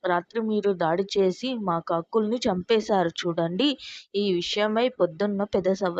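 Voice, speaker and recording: A woman's voice: medium pitch, normal speed, a little mellow, dry recording, lightly acted. Woman voicing Chiranjeevi, a cunning crow minister. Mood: persuasive. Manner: pleading, persuasive storytelling tone. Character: cunning male crow minister, scheming and loyal. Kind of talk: storybook cartoon narration. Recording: dull lo-fi dry recording.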